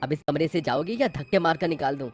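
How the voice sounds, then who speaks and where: A man's voice: fairly high pitch, quick pace, faint music behind, natural voice. A man playing a harsh, angry young husband. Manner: curt, shouting.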